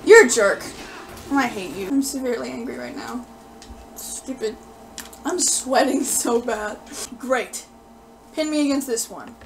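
Excitable high-voiced woman yelling at a game. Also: measured pace, vocal fry, long pauses, a little hiss or hum. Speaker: gameplay video host. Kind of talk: live gameplay reactions. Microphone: desk mic.

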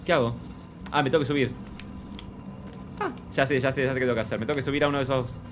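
A man with an Argentine accent streaming a video game, talking to his chat in an excitable, shouting way and speaking of himself in the feminine. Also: medium pitch, fast talker. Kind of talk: live gameplay commentary. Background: loud game music.

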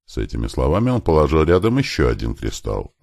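Reading first-person fiction for an audiobook, a man speaks in an extremely deep, gravelly, creaky voice with a darkish tone. His pitch swoops wildly and his pace is quick, and he lightly voices bits of dialogue as he goes.

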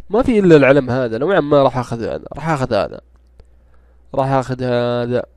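Here a man's mid-range, darkish voice comes through a dry recording as he casually comments on gameplay. He's a Saudi gaming YouTuber with a Gulf Arabic accent, rambling and grumbling while stuffy-nosed and congested from a cold.

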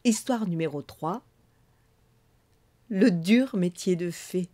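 An actress reading a children's story aloud in measured, expressive narration. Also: female voice, lowish voice.

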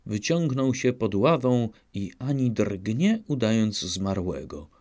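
A man narrating a fairy tale in a measured, rhythmic storybook reading. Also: fairly low pitch, very animated, a little mellow.

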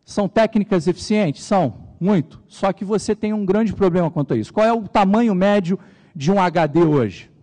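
Carioca guy doing a relaxed techy conference talk, kinda high voice, echo from the big hall. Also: normal speed. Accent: Carioca Brazilian Portuguese. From Rio de Janeiro, Brazil. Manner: relaxed, jokey, asks and answers his own questions. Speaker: conference speaker. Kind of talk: technical conference presentation. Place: large conference hall stage. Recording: reverberant large hall.

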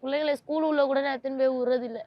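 A woman's voice: high-pitched, fairly even intonation, racing, no echo, muffled recording. A woman, a mother of two, speaks in an emotional interview in a pleading, aggrieved and insistent way.

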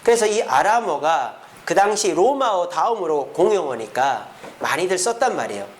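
A man's voice: high voice, big pitch swings, normal speed, slight background noise. A middle-aged man preaching a sermon as pastor in a church, acting out the parents and children he quotes.

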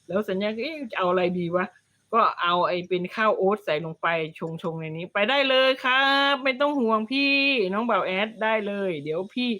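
A woman's voice: mid-range voice, animated, fairly quick, bright, forceful tone. A woman hosting a livestream, chatting casually and telling stories in a rambling way. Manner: rambling, chatty storytelling, reads viewer comments aloud. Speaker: livestream host.

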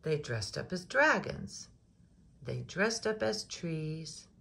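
Low-pitched, gravelly woman reading aloud. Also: sing-song, takes it slowly, fairly bright tone, a little hiss or hum. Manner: rhythmic rhyming delivery, engaging listeners with questions. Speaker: storyteller reading to young children. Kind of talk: picture book read-aloud with chatty asides.

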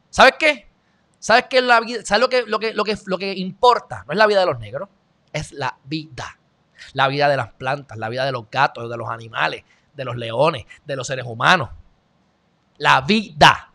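A male commentary show host from Puerto Rico, with a Puerto Rican Spanish accent, gives a blunt, lecturing, opinionated monologue. His voice sits high, sounding pushed and bright with some vocal fry.

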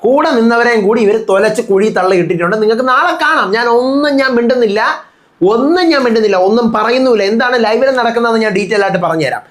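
A man with a Malayali accent, hosting a reality show review channel and giving insistent live-update commentary while retelling what contestants said. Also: very high voice. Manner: rapid, insistent, retells quotes.

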